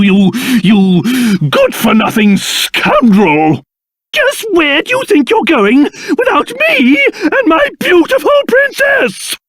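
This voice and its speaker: A man voicing a pompous, excitable old cursed king in a video game, with a British accent and old-fashioned, theatrical speech. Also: sits high, slightly rough, dry recording, exaggerated voice. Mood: haughty, outraged. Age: older. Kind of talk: video game character voice acting.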